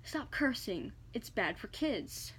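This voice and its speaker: Sarcastic high-voiced woman vlogger. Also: sing-song, takes it slowly, fairly bright tone, breathy edge. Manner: sarcastic, indignant comebacks. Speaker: vlogger reading hate comments. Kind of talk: casual chat.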